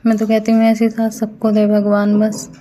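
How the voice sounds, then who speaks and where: A woman's voice: mid-range voice, monotone, normal speed, warm tone. A woman narrating a casual family vlog at home, chatting to viewers as friends while feeling unwell. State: unwell, tired. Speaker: family vlogger.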